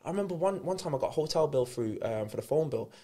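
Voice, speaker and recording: A man's voice: on the high side, fast. A man, a podcast guest and former footballer, telling stories in casual slangy chat. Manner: animated storyteller, laughs through punchlines, slangy.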